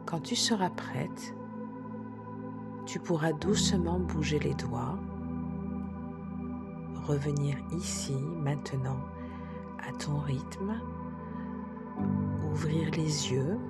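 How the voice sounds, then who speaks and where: A woman sophrologist leading a guided relaxation session, speaking softly and soothingly, sometimes dropping to a whisper. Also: low-pitched. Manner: soft, slow, soothing guidance, drops to a whisper at times. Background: soft background music.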